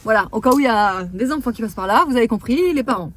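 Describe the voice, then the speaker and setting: A woman in her thirties chatting fast in a casual vlog, with many fillers, recorded in a car. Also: a little high, expressive. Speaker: vlogger. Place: parked car, then at home.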